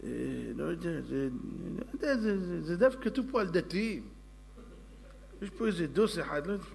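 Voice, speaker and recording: A man's voice: high voice, big pitch swings, creaky, heavily acted. A man playing a nervous servant who stammers and mumbles, in an echoey hall. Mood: scared.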